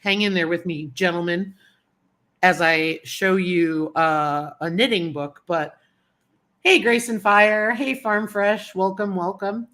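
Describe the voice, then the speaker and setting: A woman with a lowish, somewhat bright voice hosts a casual livestream, taking her time as she greets viewers by name. She sounds a little sniffly from a cold.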